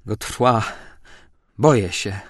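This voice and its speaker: A man's voice: on the low side, takes it slowly, no room sound, clean studio sound. A man voicing a terrified, superstitious accomplice in an audiobook, stammering with fear. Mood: pleading. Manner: stammering, fearful. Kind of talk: audiobook character reading.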